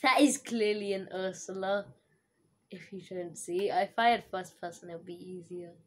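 A woman's voice: medium pitch, moderate pace. A woman giving casual, giggly commentary over her own gameplay, laughing often and dropping internet slang. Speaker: gaming video host.

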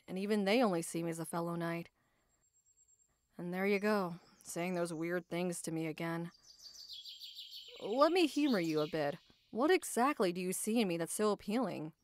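In an anime ASMR roleplay, a woman with a medium-pitched voice plays a proud, tough female knight who guards her heart against love. She speaks earnestly and formally with a wistful mood and light acting.

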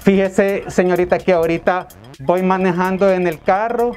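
A man's voice: sits high, steady tone, moderate pace, darkish tone, faint music behind. A man with a Salvadoran accent talking politely and a little hesitantly as a customer in a phone conversation. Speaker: caller, prospective customer. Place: indoors, small room. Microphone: lapel mic.

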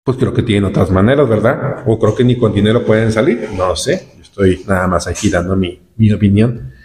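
A man's voice: fairly low pitch, fairly quick, darkish tone, slight background noise. A man from Nuevo León with a northern Mexican accent, casually telling a travel story in a rambling way, repeating words and using many fillers. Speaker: vlogger recounting a trip.

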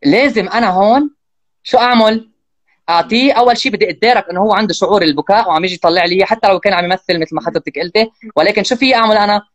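A man's voice: sits high, no room sound. A man, a parenting guest in an interview, explaining at speed and acting out what parents and children say. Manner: fast, animated, acts out parent and child lines. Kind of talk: casual explanatory interview talk.

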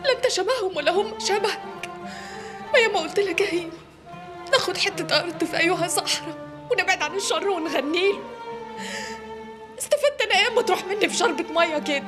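A fiery working-class young woman with an Egyptian accent, her voice very high and her words tumbling out at great speed. She talks in a loud, scolding way, and a music score runs clearly behind her in this TV drama. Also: animated, fast, long pauses. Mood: grieving. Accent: Egyptian Arabic. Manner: sharp-tongued, loud and scolding.

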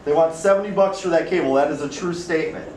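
A man with an Upper Midwest American accent gives a classroom lecture in a chatty, casual way, often putting questions to the class. His voice sits on the high side with a darkish tone, and he talks fast. The instructor is recorded from far off in an echoey classroom.

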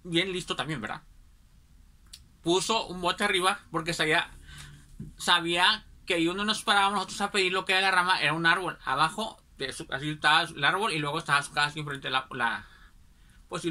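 A woman's voice: low-pitched, a little fast, sharp tone. A woman, telling a childhood anecdote in a chatty, rambling way and often checking in with her listeners. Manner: chatty, rambling, keeps asking ¿verdad?. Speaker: storyteller.

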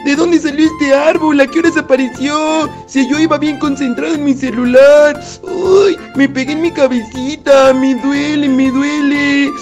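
A woman's voice: high voice, steady tone, unhurried, hardly any pauses, darkish tone, soft background music. A woman with a Mexican accent voicing a clumsy, phone-obsessed boy doll who whimpers and complains. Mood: whimpering.

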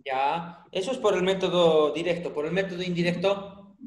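A man's voice: sits high, fairly even intonation, moderate pace, slight background noise. A man teaching a finance class online, quizzing students by name and teasing them with dry jokes when they stay silent. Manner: questioning, teasing humor. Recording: roomy echo.

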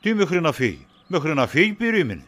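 A man's voice: on the high side, very animated, fairly bright tone. A man playing a middle-aged friend in a comedy sketch, teasing in a joking way and cagey when questioned. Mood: evasive.

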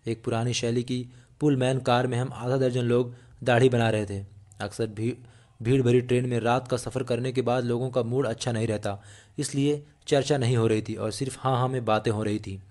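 Male narrator, mid-pitched, steady earnest audiobook read with the odd slip. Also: normal speed. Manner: steady, earnest reading with small slips and restarts.

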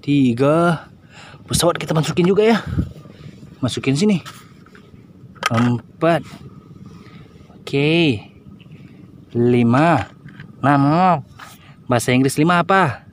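A man's voice: a little high, animated, slow, pauses often, a little hiss or hum. A man hosting a children's toy video. He narrates toy play for a child, counts aloud, quizzes the child and exclaims often. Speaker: children's toy channel host.

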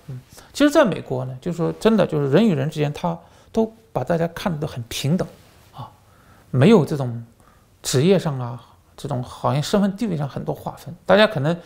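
Guy rambling quick through political commentary, gravelly voice, keeps stacking fillers and repeats. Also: medium pitch. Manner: animated storytelling full of fillers and repeats. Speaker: channel host and former journalist.

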